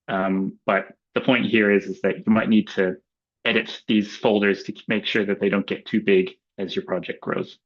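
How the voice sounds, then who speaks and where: An Australian man gives a webinar talk over a video call mic, his voice sitting fairly low. He speaks casually and loosely, filling pauses with ums and uhs. The audio is dull and lo-fi. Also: flat delivery. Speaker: webinar presenter. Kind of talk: relaxed webinar talk with slides.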